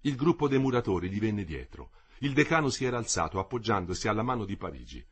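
A man's voice: fairly low pitch, big pitch swings, quick pace, slight background noise. A man reading a novel aloud as an audiobook narrator, with dramatic phrasing.

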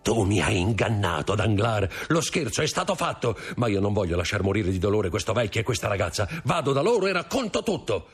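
A man voicing a raspy, weak and fearful drunkard in a raised pitch, as in an audiobook. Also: animated, unhurried, faint music behind. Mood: guilty. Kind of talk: audiobook character voice.

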